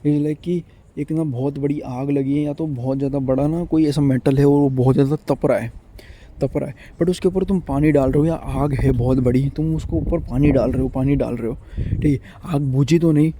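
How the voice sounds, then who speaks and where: A man's voice: mid-range voice, steady tone, moderate pace, mellow, slight background noise. A man in his twenties giving an earnest, repetitive motivational monologue to the camera, switching between Hindi and English. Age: 20s. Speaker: vlogger.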